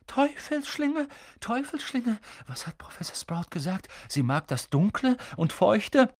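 A man voicing a bossy know-it-all schoolgirl witch in an audiobook, shrill and commanding. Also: very animated, measured pace, no room sound, clean studio sound, full character voice. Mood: shrill, urgent.

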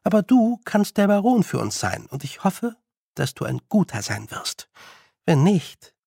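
Picture a young witch girl in a storybook, calm and firm, issuing quiet commands and warnings, as a male reader puts her on. The voice is gravelly at the bottom and fairly high, recorded close and dry with no room sound. Every phrase is measured and stern. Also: dry recording, exaggerated voice. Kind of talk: audiobook character voice.

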